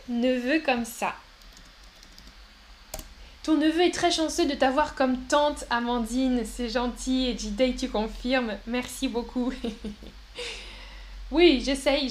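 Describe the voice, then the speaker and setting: A young woman teaching a live-stream language lesson, speaking slowly and clearly and repeating words for her viewers. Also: sits high, a little hiss or hum. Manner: slow and clear, repeats words, puts on a babyish voice for examples. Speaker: French teacher.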